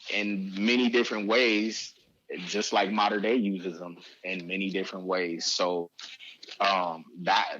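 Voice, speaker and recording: The father of a recruited athlete chats casually in an interview, a middle-aged man who rambles, hesitates and often repeats himself. His voice is fairly low, pushed and bright, but the audio sounds dull.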